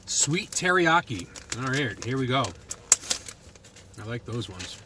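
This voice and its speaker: Speaking slowly but very animatedly at a medium pitch, a man with a Boston accent from New England reviews food on camera. He rambles casually and thinks aloud while taste-testing, with noticeable background noise in the recording.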